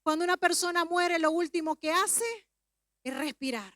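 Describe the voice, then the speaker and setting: Woman preacher, very high voice, bright tone, calm teaching that builds to fervent shouting, Pentecostal sermon. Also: normal speed, no room sound, clean studio sound. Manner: teaching calmly, then rising to shouted fervor.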